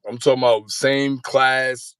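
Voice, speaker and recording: A man's voice: mid-range voice, little pitch movement, unhurried, fairly bright tone, clean tone, no room sound. A man in his thirties telling his story as an interview guest, rambling in slangy street talk and often asking if you follow. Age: 30s. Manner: rambling, repeats "you know what I'm saying".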